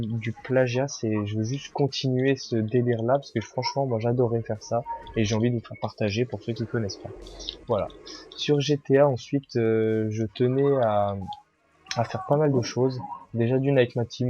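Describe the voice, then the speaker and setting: A man's voice: medium pitch, mellow. A young man introducing his gaming channel in a casual, hesitant way, with many fillers and restarts. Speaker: gaming YouTuber. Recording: dull lo-fi sound with faint music.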